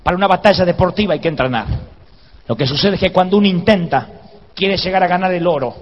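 A man preaching a sermon, telling a comic story and acting out the shouts and groans in it. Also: sits high, fast, big-room sound. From Argentina. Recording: dull lo-fi live sermon recording.

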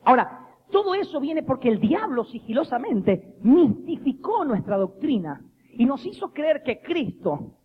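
A man preaching a lively, jokey sermon, acting out the voices he quotes. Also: very high voice, measured pace, slightly rough. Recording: dull lo-fi recording with faint noise.

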